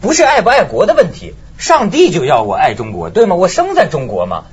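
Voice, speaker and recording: Animated high-voiced male talk-show host. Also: a little fast, slightly rough. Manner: animated storyteller, laughs often. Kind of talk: casual chat. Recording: slightly muffled broadcast audio.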